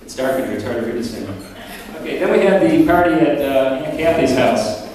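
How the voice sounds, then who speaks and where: A man's voice: mid-range voice, lively intonation, brisk, a little mellow. Echoey middle-aged father of the bride speech. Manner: informal rambling storytelling. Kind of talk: father of the bride speech, humorous anecdotes at a wedding reception. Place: large wedding reception room. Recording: very echoey hall, distant mic, crowd noise. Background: reception crowd.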